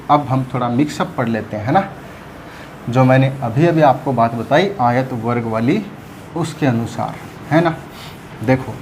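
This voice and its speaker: A man's voice: medium pitch, a little mellow, a little hiss or hum. A man teaching a math lesson, counting aloud patiently and checking often that his students follow.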